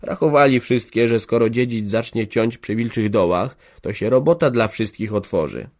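A man with a mid-range voice narrates a classic novel as an audiobook, reading in a measured, even storytelling manner.

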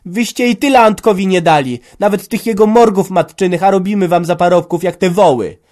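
A man voicing a hot-blooded young peasant son who stubbornly shouts back at his father. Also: mid-range voice, big pitch swings, moderate pace, pitched above the performer's own voice. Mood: defiant shouting.

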